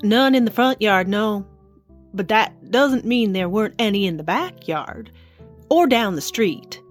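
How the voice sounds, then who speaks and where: A woman's voice: mid-range voice, expressive, measured pace, soft background music, close to an everyday voice. A woman playing a friendly, talkative ball ornament in a children's audio drama, telling tales matter-of-factly. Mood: chatty. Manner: chatty, matter-of-fact storytelling. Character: chatty, friendly female Christmas ball ornament, newcomer.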